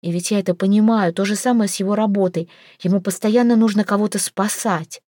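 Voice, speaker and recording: A woman's voice: medium pitch, steady tone, fairly quick, dark tone, no echo, studio quality, lightly acted. A woman voicing a young woman who is frantic and tearful, pleading breathlessly between sobs, in a storybook reading.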